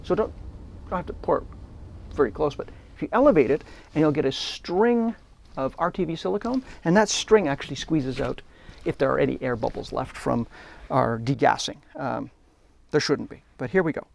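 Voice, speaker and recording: A man with a fairly high, creaky voice and lively intonation shows off a hands-on hobby technique in a workshop, narrating at a moderate pace in a chatty, enthusiastic way as a hobby instructor.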